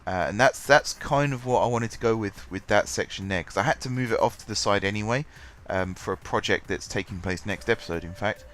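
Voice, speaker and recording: With a cold clogging his voice, this gaming channel host speaks on the low side, fairly quickly and a bit brightly, hardly pausing. He rambles through casual game commentary peppered with ums and restarts while faint music plays.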